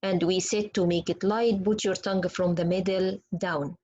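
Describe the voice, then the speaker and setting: A woman's voice: fairly low pitch, steady tone, moderate pace, dark tone, muffled recording. A woman whose first language is Arabic, teaching Quran pronunciation in an online lesson and demonstrating letter sounds patiently.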